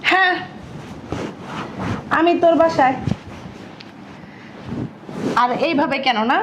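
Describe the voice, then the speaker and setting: A woman's voice: very high voice, slow pace, dull audio, background noise. An actress playing a stern elder sister who lectures her younger sister. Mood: reproachful. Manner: reproachful, lecturing. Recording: echoey room.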